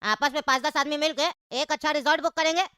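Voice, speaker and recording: Woman playing a fast-talking cartoon party planner. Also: high-pitched, sharp tone, no echo, studio quality. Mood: persuasive. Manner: persuasive, coaxing. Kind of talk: cartoon voice acting.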